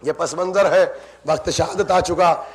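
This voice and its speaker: High-voiced man in impassioned mourning recitation. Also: fairly even intonation. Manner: dramatic, swelling into loud emotional pleas. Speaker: majlis orator reciting mourning narratives.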